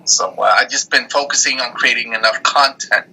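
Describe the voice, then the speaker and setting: Heard through a thin, phone-like connection, a man who grew up in Norway and makes comics answers questions in a relaxed interview. His medium-pitched voice is slightly rough, and he speaks sincerely and evenly with occasional hesitation.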